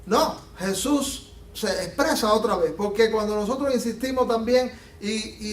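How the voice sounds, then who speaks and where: A man preaching a sermon as pastor, animated and acting out the Bible scenes he tells. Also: high-pitched. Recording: echoey room from a distance.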